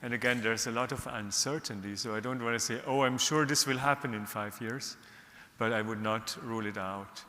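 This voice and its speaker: A man from Austria, an economist on a panel, giving measured, earnest advice. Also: medium pitch, sharp tone. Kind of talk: panel discussion remarks. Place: large conference hall. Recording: reverberant hall.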